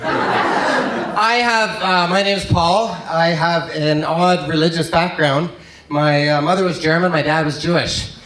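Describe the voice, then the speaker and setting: A man from Canada doing a stand-up routine in a comedy club, delivering deadpan one-liners and mock foreign phrases. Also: a little high, unhurried. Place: comedy club with live audience. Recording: echoey club, loud crowd laughter.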